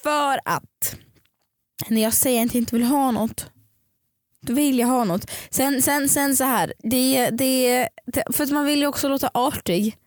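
A woman with a fairly high voice co-hosting a relaxed podcast. She is playful, reads out listener questions and drops into quick mock voices. Her close mic sounds dry and intimate. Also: dry recording. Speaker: podcast co-host. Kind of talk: casual chat.

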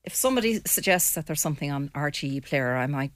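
A woman's voice: deep voice, animated, fast talker, no room sound. An older woman with a west of Ireland accent, talking casually and bluntly as a guest on a panel discussion. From Mayo, west of Ireland.

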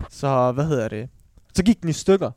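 A man's voice: medium pitch, lively intonation, mellow, no room sound. A man in his twenties co-hosting a podcast, rambling through a story and often checking in with his listeners. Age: 20s. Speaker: podcast co-host. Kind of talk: casual chat.

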